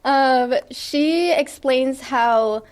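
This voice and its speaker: A woman in her late twenties speaks as a guest on a radio interview, her voice pitched high. She talks enthusiastically, laughing now and then and leaning on fillers. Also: very slow, a little mellow. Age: late 20s. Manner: enthusiastic, giggly, with frequent fillers. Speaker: podcast founder and guest.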